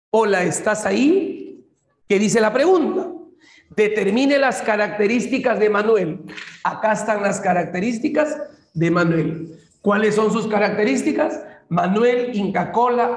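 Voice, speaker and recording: A man with a Peruvian accent teaching an online class, working through a logic puzzle step by step and repeating his cues to coax students along. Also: sits high. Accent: Peruvian Spanish. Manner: repetitive, coaxing, keeps saying "mira" and "sigue". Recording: echoey room.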